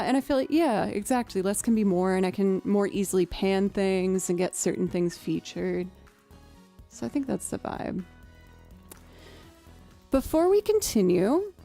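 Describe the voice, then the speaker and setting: Faint music runs under this casual livestream chat, where a young woman who streams and makes music thinks out loud with plenty of filler words. Her voice is naturally low, with a soft and warm tone.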